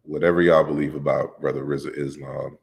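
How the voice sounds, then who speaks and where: On a casual open-discussion livestream, a man with an extremely deep, low voice and vocal fry reads viewer comments aloud and answers them at length. He's relaxed and conversational, though his explanations are measured and lecturing, full of fillers and restarts.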